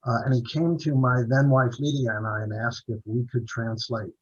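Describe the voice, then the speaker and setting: Over a video call, a male author and translator being interviewed spins long stories, wandering off with fillers and false starts. His voice sits in the mid-range with a level tone and moderate pace, and the audio sounds dull. English is his first language.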